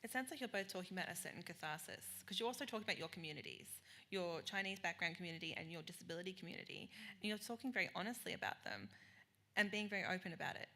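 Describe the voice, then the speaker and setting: A woman moderating a live panel talk, enthusiastic and quick with jokey asides. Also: on the low side, sharp tone.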